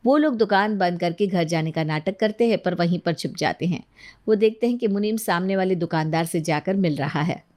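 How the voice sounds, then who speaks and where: A woman narrating a moral cartoon story for children in a plain, even manner. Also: lowish voice, moderate pace.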